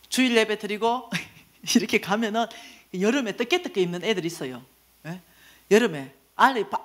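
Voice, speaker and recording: A woman lay minister giving a lively testimony at a church seminar, acting out the voices in her story. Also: medium pitch.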